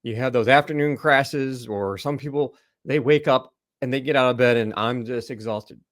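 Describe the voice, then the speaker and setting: A man's voice: mid-range voice, normal speed, no echo, clean studio sound. A middle-aged man, a naturopathic doctor, explaining a slide presentation in a loose conversational way, with lots of fillers and restarts.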